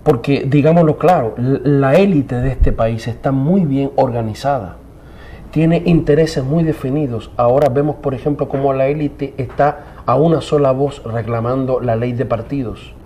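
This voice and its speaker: Male commentator, unhurried and deliberate, mellow tone, slight hiss on the track. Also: medium pitch. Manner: slow, deliberate, searching for words. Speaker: interview guest, political commentator. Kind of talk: political interview.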